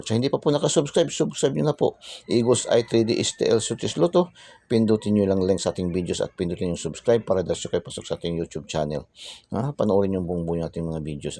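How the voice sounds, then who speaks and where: A man's voice: deep voice, warm tone. A man hosting a lottery tip channel, talking casually and chattily, tacking "ha?" onto his sentences and now and then dropping to a whisper. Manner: chatty, repeats tag phrases and "ha?" constantly; drops into whispers for secret numbers.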